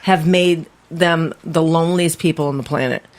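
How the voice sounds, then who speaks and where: A woman co-hosting a casual studio podcast, chatty and excitable, rambling from topic to topic. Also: sits low, normal speed, noisy background. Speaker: podcast co-host. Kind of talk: casual chat. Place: small studio.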